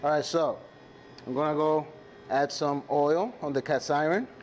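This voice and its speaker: With a Dominican accent, this native Spanish-speaking man from the Dominican Republic leads a live cooking class, talking casually with viewers and the crew. His voice sits on the high side and his pace is a little slow. Clear sizzling and kitchen noise fill the background.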